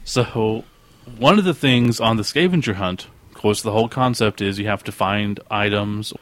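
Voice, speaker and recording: A man's voice: fairly low pitch, moderate pace, no echo. A man co-hosting a podcast, chatting casually and laughing often, restarting his sentences. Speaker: podcast co-host. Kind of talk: casual chat.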